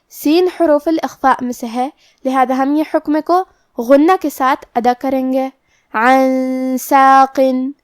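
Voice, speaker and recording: A woman teaching tajweed, explaining each letter and pronunciation rule step by step in a measured way. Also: high-pitched, a little mellow, no echo, clean studio sound. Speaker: Quran recitation teacher. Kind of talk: tajweed lesson.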